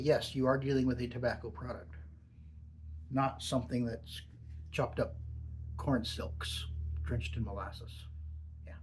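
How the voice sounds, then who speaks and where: A man of medium pitch chats through a casual product review. His lip is packed with dip as he talks. He speaks in an emphatic, savouring way, drawing out words for weight. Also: a bit bright. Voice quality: talking with a lip full of dip pouches.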